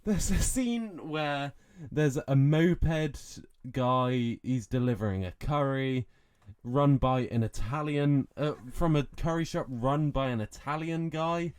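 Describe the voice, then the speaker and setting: A man co-hosting a podcast, retelling movie scenes in an animated, incredulous way. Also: medium pitch, slow pace, smooth. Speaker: podcast co-host. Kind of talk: casual film review chat.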